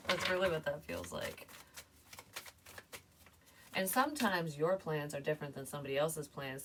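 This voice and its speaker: A woman's voice: low voice, distant mic, background noise. A woman giving a casual tarot reading, talking in a chatty, rambling way full of fillers. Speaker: tarot reader.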